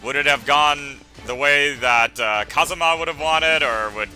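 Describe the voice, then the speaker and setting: A man doing casual let's play commentary, halting and stammering as he rephrases his thoughts. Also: on the high side, bright, forceful tone, faint music behind. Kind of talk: casual rambling game commentary.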